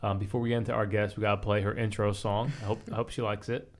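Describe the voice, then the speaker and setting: Male podcast host, fast and upbeat, slightly low voice, chatty interviewer. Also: flat delivery, slight background noise.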